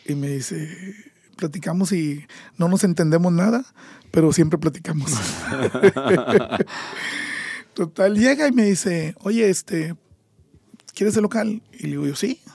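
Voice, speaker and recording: Mexican-accented man, middle-aged, animated storyteller, raspy and gravelly, dry close sound. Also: on the high side, slow, long pauses, no echo. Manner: animated, acts out voices in his stories. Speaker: podcast guest, taco shop owner. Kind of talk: storytelling interview.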